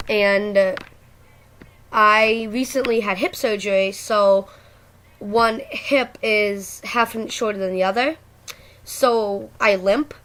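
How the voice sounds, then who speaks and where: A woman's voice: mid-range voice, a bit bright. A teenage girl speaks in a mid-range voice with a speech impediment, so her r's come out as w's. She talks candidly and casually, as in a personal vlog, rambling along with some slang. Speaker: video blogger. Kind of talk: casual personal talk to camera.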